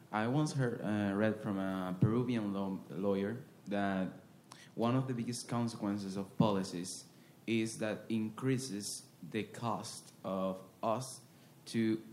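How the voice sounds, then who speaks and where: A man from Venezuela with a fairly low voice, asking a question from the audience. He talks haltingly, restarting his sentences often. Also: darkish tone, a little hiss or hum. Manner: hesitant, many "uh" restarts.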